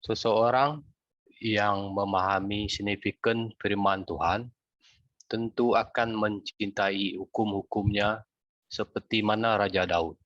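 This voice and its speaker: Slow, low-voiced preacher. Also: male voice, steady tone, a bit bright, no echo. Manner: measured, formal delivery of numbered points. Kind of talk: read sermon teaching. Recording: dry, dull lo-fi sound.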